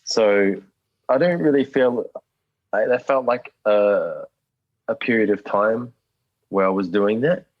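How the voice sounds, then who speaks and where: Male musician guest, Kiwi accent, low husky voice, easygoing slangy chat, slightly lo-fi sound. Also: slow, pauses often, no echo. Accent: New Zealand. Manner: laid-back, slangy, matey. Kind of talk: casual chat. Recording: dull lo-fi call audio.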